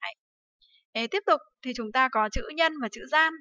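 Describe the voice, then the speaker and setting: In this livestream lesson, a woman from Vietnam teaches Japanese at a moderate pace, her high voice pushed and bright. She keeps asking rhetorical questions and uses many fillers. There's no room sound, just dry, slightly dull audio.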